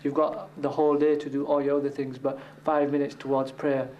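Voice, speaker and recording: A man's voice: medium pitch, monotone, a little fast, a little mellow, a little hiss or hum. A man in his twenties with a Hull accent, giving earnest interview answers and searching for words. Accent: Hull English. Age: 20s.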